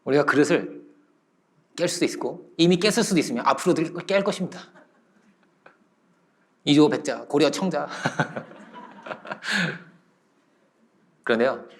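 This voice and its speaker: Male pastor, middle-aged, sermon, animated storytelling, fairly high voice, very lively pitch. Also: measured pace, long pauses. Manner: animated storytelling with sound words and laughs.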